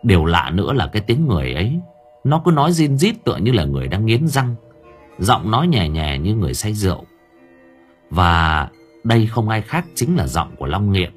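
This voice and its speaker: A man with a husky, fairly low voice narrates a story. His pitch rises and falls in an animated storytelling manner. Faint music plays underneath. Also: fairly quick. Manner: expressive, lively storytelling. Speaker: audiobook narrator.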